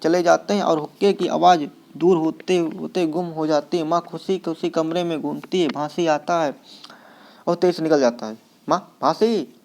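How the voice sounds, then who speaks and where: Male teacher-narrator for a play reading, slightly high voice, steady. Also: moderate pace, vocal fry. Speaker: literature teacher. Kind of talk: dramatic reading of a one-act play.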